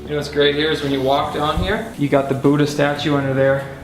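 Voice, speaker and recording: A man's voice: a little high, little pitch movement, brisk. A middle-aged man, a homeowner and furniture maker, explaining things casually in a plain, folksy way. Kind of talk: casual, unscripted house tour explanation. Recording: roomy echo, background music. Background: music.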